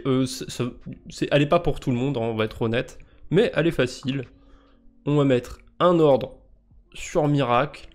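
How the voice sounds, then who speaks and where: A man's voice: mid-range voice, a little mellow. A man with a French accent streaming live, casually commenting on crypto quests, joking and mocking himself as he thinks aloud.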